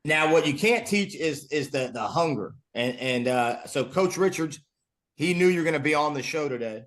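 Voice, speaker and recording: A former PE teacher co-hosts a football podcast, chatting casually and rambling through a casual interview with repeated words and restarts. His voice is on the high side, expressive and a bit bright, at a normal speed.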